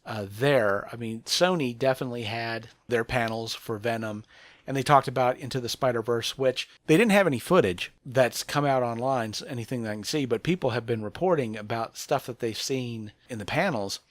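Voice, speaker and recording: Guy on a podcast going on about geek news, excited, dry close sound. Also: mid-range voice, brisk, dry recording. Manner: enthusiastic, rambling storyteller. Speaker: podcast co-host.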